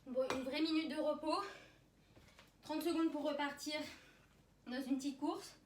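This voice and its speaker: High-pitched woman coaching a workout. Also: fairly even intonation, a little slow. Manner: encouraging, urging pushes in short commands. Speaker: fitness instructor leading a circuit workout. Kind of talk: live workout coaching with countdowns. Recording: roomy echo, distant mic, background noise.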